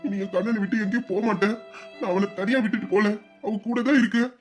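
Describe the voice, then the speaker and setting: A man voicing a loving, protective young elder brother in an audio story, speaking softly and from the heart. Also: high-pitched, steady tone, fast, faint music behind, natural voice. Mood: tender. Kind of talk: emotional audio-drama acting.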